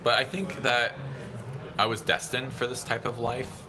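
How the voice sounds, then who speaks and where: An unhurried, mid-range voice comes from a thirty-something San Diego man livestreaming casually on his phone. He rambles comfortably and replies to viewer chat while the crowd in the busy indoor restaurant chatters around him.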